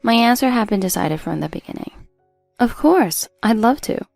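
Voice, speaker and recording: A woman reading a first-person drama story as a narrator in a steady storytelling delivery. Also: a little high, moderate pace, vocal fry, no room sound, faint music behind.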